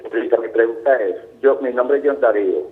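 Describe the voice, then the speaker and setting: A Colombian caller in his sixties speaks a little fast in a mid-range voice over a tinny phone line. He rambles and repeats himself, saying "señorita" again and again.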